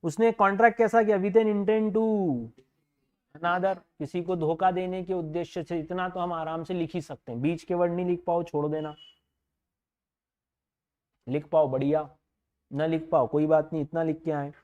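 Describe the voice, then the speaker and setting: A man with an Indian accent teaching a live online law revision class. He mixes Hindi and English, slowly dictates legal wording and answers student comments as they come in. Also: on the high side, level tone, a little mellow, lo-fi sound. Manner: reads student comments aloud and answers them.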